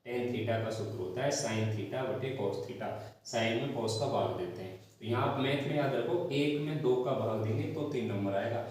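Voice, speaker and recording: A man's voice: mid-range voice, moderate pace, a little mellow. A man teaching a math class, explaining step by step with patient repetition and addressing his students fondly. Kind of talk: classroom lesson. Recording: very echoey room, distant mic.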